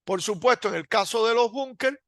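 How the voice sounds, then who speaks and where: In a recorded lecture, a man speaks slowly and deliberately in a fairly high, gravelly voice with a bright edge. He hesitates often, pausing and restarting phrases. The sound is dry and close, with no room sound.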